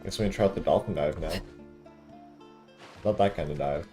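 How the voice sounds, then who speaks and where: Over soft background music, a gaming streamer with a deep, dark-toned voice gives casual commentary at a moderate pace as he plays through a video game, reading the dialogue aloud as he goes.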